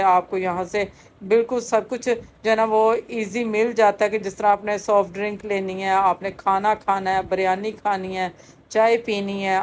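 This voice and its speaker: A woman's voice: mid-range voice, slight background noise. A middle-aged woman narrating a vlog in a chatty, casual way, full of fillers. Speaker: vlogger.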